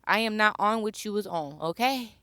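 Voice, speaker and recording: A young woman hosting her own podcast, talking slowly and reflectively in a personal, heartfelt monologue and pausing to search for words. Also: mid-range voice, animated, a bit bright, no room sound, clean studio sound. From born near Chicago, raised near Atlanta. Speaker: podcast host.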